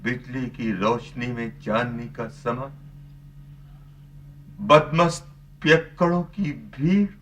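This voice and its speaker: A man's voice: fairly high pitch, fairly bright tone, lo-fi sound. A man playing an anguished stage father. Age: middle-aged. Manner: slow, emotional, rising to anger. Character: anguished middle-aged father confronting drunken son. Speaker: father, Nandan. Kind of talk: stage play acting. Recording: stage recording from a distance with music.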